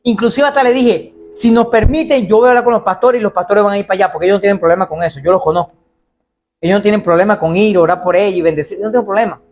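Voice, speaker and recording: A man preaching a sermon as pastor in a church, animated and acting out the voices of people he quotes. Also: high-pitched, rapid-fire, slight background noise.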